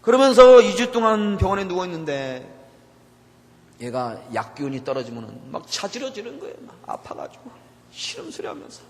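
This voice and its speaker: A man with a very high voice delivers a sermon from the pulpit, pouring intense feeling into a personal story. He sounds middle-aged, and his words ring out with a long reverb through a church sanctuary. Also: very animated, moderate pace, gravelly, slight background noise. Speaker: pastor.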